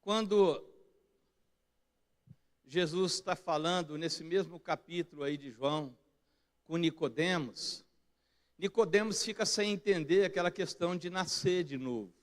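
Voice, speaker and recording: A man with a Brazilian Portuguese accent preaching a sermon as pastor in a church, moving between quiet reflective passages and loud emphatic peaks. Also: a little high, unhurried, long pauses. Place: church sanctuary.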